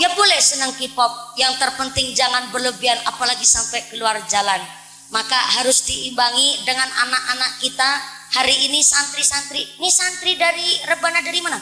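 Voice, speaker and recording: A woman's voice: high voice, sharp tone, echoey room, rough recording. A woman preacher from Central Java with a Banyumas Javanese accent, giving a playful, joking sermon to a village crowd and often addressing the men as "Pak". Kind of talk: humorous religious sermon. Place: village religious gathering.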